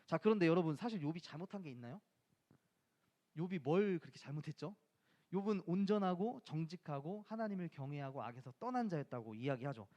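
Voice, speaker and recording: Lively higher-voiced male preacher. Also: a little fast, lo-fi sound. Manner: conversational, asks the listeners rhetorical questions; acts out quoted voices of friends and scripture. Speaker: pastor. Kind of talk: sermon.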